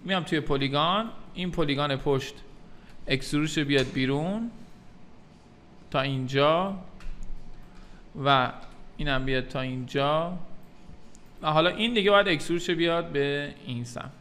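Man, software tutor; bright, slightly high voice, calm step-by-step delivery. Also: long pauses. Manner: calm step-by-step explaining, addresses viewers as kids. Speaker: 3D modeling tutor.

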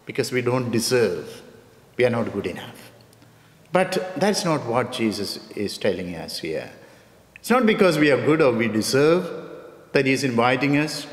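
Male priest preaching in an echoey church. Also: mid-range voice. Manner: measured, addresses listeners as "my dear friends". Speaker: parish priest. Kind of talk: homily. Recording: echoey church with long reverb.

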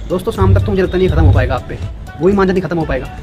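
Talking at a racing pace in a high voice, a young man narrates a kite match live from an open rooftop with music behind him. It's a casual demo and commentary, full of chatty "friends" and "okay?" asides.

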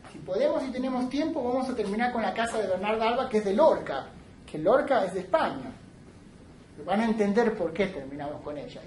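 A woman's voice: medium pitch, darkish tone. A woman lectures to a class, switching between Spanish and English and checking in with her students between points. Her voice reaches the mic from across an echoey classroom, with faint room noise behind it. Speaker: instructor. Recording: roomy classroom sound from a distant mic.

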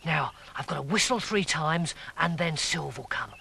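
A man doing a jumpy, high-voiced little frog. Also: expressive, moderate pace, creaky, very noisy. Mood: anxious. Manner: high-pitched and anxious. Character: jumpy, worried young male frog.

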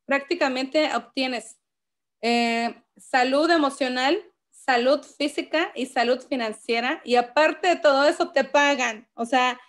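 A woman closes out a casual chat as co-host. Her voice is high, and she thanks listeners warmly and affectionately. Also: a little slow. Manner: warm, affectionate sign-off. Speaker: co-host of an essential oils channel. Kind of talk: casual chat, closing remarks.

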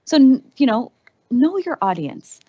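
A Dutch woman in her thirties gives an animated, conversational keynote at a conference, speaking on a large stage through a headset mic and using plenty of fillers. Her voice sits high and is a little slow with a breathy edge, and the sound is lo-fi.

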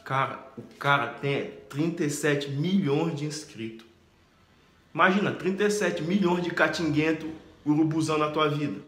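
A Brazilian man in his thirties tells a story with excitement. His voice is high and bright, and his retelling is expressive and full of laughter. He is recorded in an echoey room. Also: moderate pace. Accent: Brazilian Portuguese. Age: 30s. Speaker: vlogger. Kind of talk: animated storytelling vlog.

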